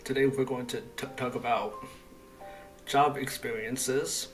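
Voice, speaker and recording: A man hosting a podcast in a relaxed, casual way, often stumbling over his words, over a video call. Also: medium pitch, measured pace, soft background music, rough recording. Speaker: podcast host.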